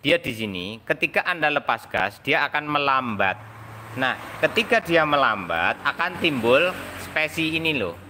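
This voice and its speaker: A man with a Javanese accent explains a motorbike repair in a bright, fairly high voice. He demonstrates by hand and mimics the clacking of the parts, with a faint hum of workshop noise behind him. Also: sing-song, normal speed. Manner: imitates machine noises, mixes Javanese into Indonesian. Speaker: motorbike mechanic.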